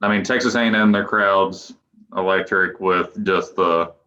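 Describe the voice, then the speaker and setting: A man in his twenties, a professional pitcher, chatting loosely as a podcast guest with restarts and chuckles. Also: fairly even intonation, measured pace, bright, forceful tone. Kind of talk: casual podcast interview. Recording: echoey room, dull lo-fi sound.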